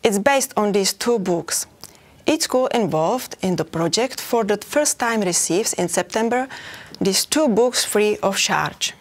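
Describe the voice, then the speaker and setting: A woman's voice: medium pitch, animated, measured pace. Czech woman presenting at a conference. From Czech Republic. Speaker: chess federation presenter.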